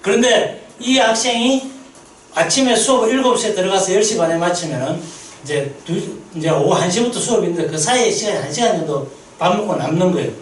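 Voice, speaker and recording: The sermon comes from a missionary pastor at a mission meeting, his high voice fairly quick as he tells lively stories and asks the congregation questions. The church sanctuary sounds roomy, and the distant mic picks up a little hiss or hum in poor audio.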